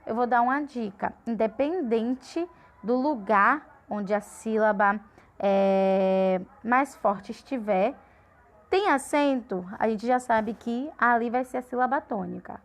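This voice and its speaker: Woman teacher explaining grammar to kids, slightly high pitch, slows way down on example words. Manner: patient, stretches out example words slowly. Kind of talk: children's grammar lesson.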